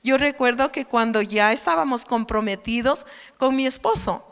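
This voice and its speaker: A woman's voice: fairly high pitch, moderate pace, fairly bright tone, clear, resonant tone. A woman pastor from Ecuador preaching a sermon, telling her testimony earnestly and rising to fervent appeals. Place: church hall. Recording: long church reverb.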